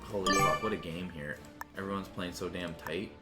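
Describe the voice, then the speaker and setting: A man's voice: low-pitched, steady tone, moderate pace. Profane rambling male game commentator. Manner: profane, rambling, restarts sentences. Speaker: gaming commentator. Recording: roomy sound with faint music.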